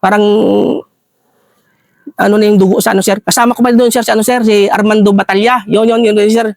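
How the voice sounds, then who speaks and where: High-voiced halting Filipino ex-ranger. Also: male voice, little pitch movement, no room sound. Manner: halting, addresses listener as sir constantly. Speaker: retired army ranger scout. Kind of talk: recounting a war story in an interview.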